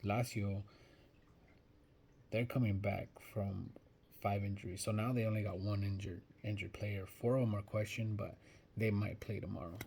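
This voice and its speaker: A man's voice: lowish voice, steady tone, normal speed, gravelly, darkish tone, a little hiss or hum. A man giving casual soccer betting predictions, thinking aloud and hesitant, often restarting his sentences. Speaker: sports betting vlogger.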